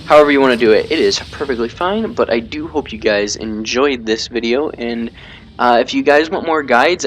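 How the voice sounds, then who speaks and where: A man giving casual live commentary over his own gameplay, explaining tactics as he plays, thinking aloud and poking fun at his own mistakes. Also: medium pitch. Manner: explains tactics while playing.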